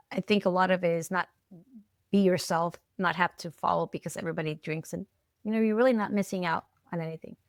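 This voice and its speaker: In clean studio audio with no room sound, a middle-aged woman with a mid-range voice reflects casually as a podcast guest. She coaches people on going alcohol-free and comes from Peru, where she moved at ten. She's halting, restarting phrases and repeating words, and frequently checks in with "right?" and "you know."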